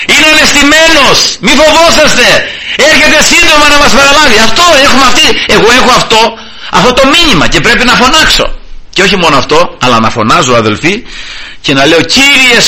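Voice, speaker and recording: A man preaching a sermon in an emphatic style, often rising in pitch and volume, from Greece. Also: pushed and bright, poor audio.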